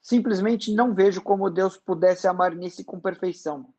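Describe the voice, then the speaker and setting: A grieving, desperate father, played by a man in a dramatized book reading. His voice rises high and pleads. The tone is raw and urgent. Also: moderate pace, darkish tone, dull audio. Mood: anguished, questioning. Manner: raised, pleading voice.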